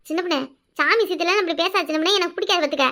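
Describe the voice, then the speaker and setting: Brief: woman voicing a quick-tempered village woman for a cartoon, Kanyakumari Tamil accent, very high and bright. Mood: scolding. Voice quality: shrill, scolding.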